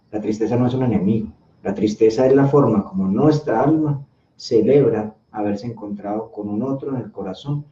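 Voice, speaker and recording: A male host giving calm, reflective commentary. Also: medium pitch. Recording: echoey, distant, dull sound.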